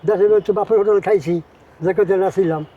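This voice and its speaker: An older man, a cemetery grave mason giving short, plain, halting answers outdoors. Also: sits high, fairly even intonation, narrow, tinny audio, slight background noise. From Barguna, Bangladesh. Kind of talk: casual interview answers.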